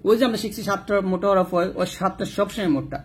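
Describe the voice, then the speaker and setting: A man teaching Quran letter pronunciation, slowly drilling syllables and patiently repeating each point. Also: high-pitched, steady tone, slight background noise. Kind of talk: slow instructional explanation with drilled letter sounds.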